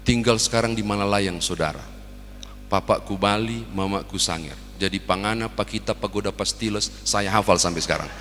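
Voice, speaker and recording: A man's voice: lowish voice, fairly quick, fairly bright tone. Manado-accented preacher guy giving a sermon, big hall echo, faint hum behind. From Manado, Indonesia. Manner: storytelling preacher acting out a joke. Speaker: pastor.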